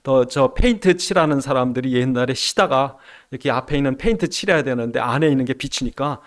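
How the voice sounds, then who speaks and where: A man's voice: mid-range voice, quick pace. A middle-aged man preaching a sermon as pastor, emphatic, reading scripture aloud and throwing rhetorical questions to the congregation.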